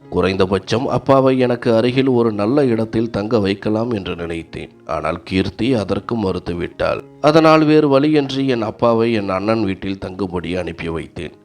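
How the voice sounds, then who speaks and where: A male storyteller reads a scripted first-person family drama in an earnest, dramatic way. His voice sits very low and has a rough, creaky grain. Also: expressive, moderate pace, a little mellow, faint music behind.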